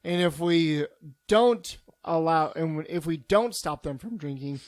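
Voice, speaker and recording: A man's voice: on the high side, expressive, unhurried, no echo. A man playing a defensive casino liquor-board boss in improvised mock-courtroom comedy, rambling through food metaphors.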